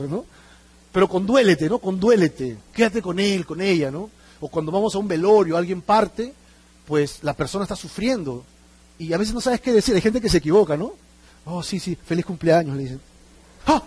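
A man preaching a sermon to his church, animated and acting out little exchanges between church members. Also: high-pitched, slightly rough. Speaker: pastor.

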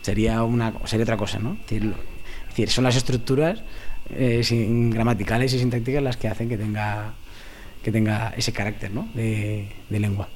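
Halting man explaining. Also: fairly low pitch, fairly even intonation, a little mellow, slight background noise. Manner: explaining, halting, with many restarts. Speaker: interviewee. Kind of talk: explanatory interview.

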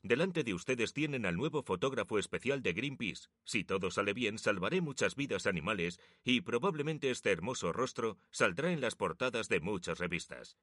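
A man's voice: lowish voice, animated, moderate pace, hardly any pauses, a bit bright, no room sound, clean studio sound. A man voicing a proud young photographer who talks earnestly and jokes with his brother. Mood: joking. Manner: earnest, sometimes teasing.

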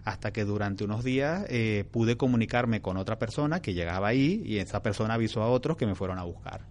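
Calm man telling his story. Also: fairly low pitch, fast talker, slight background noise. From Venezuela. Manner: calm, frank, reflective. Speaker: interview guest. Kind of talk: relaxed storytelling in conversation.

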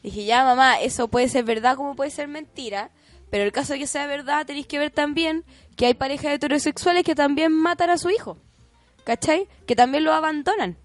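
A woman's voice: sits high, brisk, no echo, soft background music. A young woman with a Chilean accent, hosting a podcast and telling a family story in casual chat, laughing often and acting out the quotes. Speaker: podcast host.

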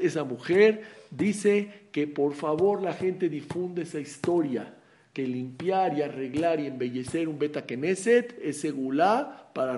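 A man teaching a Torah class in Spanish, telling stories and acting out the dialogue with lively shifts in tone. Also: fairly high pitch. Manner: animated storyteller who acts out dialogue. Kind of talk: religious class with storytelling.

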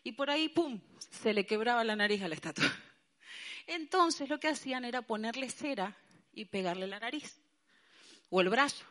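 Una pastora con acento colombiano predicando un sermón animado y enfático a un grupo de mujeres. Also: female voice, a little high, normal speed. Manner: lively, emphatic preaching with colloquial asides. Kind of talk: sermon to a women's gathering.

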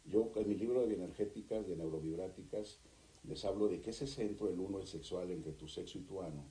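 Deep-voiced man, animated. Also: roomy sound, poor audio. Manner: animated, acts out couples in quick voices. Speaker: guest, therapist and author. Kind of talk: conversational interview.

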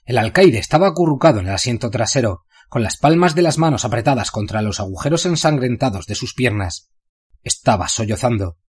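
A man narrating a novel in a steady, dramatic storytelling manner with a husky voice. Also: mid-range voice, brisk. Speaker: audiobook narrator.

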